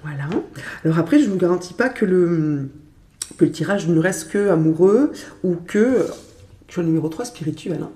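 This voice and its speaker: A woman, stuffy with a cold, reads tarot in a gentle, chatty way, full of small fillers. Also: on the low side, lively intonation, moderate pace, reverberant. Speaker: tarot reader. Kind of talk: casual tarot reading to camera.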